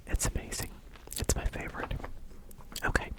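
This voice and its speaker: Unhurried and halting, an ASMR host whispers softly, in the manner of someone casually sharing with the people watching.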